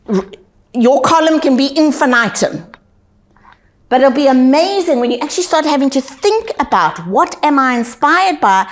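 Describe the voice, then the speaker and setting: A woman giving a motivational webinar talk. She speaks emphatically and repeats key lines slowly for effect. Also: fairly high pitch. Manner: emphatic, slow deliberate repetition for effect. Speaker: wellness webinar presenter.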